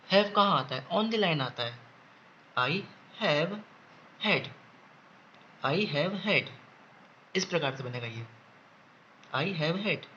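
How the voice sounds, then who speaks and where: A man teaching a shorthand lesson, slowly repeating terms and spelling words out letter by letter. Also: on the high side, sharp tone. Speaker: shorthand instructor. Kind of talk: classroom lesson. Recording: dull lo-fi with faint noise.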